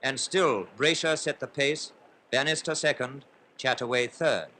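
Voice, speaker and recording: In the style of an old newsreel, a man of medium pitch calls a race with formal, brisk commentary, his play-by-play growing more excited as it goes.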